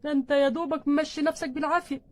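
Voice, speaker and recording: A woman's voice: high voice, fairly even intonation, very fast, a little mellow, no echo, close to an everyday voice. A woman with an Egyptian Arabic accent voicing an anxious young husband doll who frets and exclaims. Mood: dismayed. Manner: fretful and exclaiming.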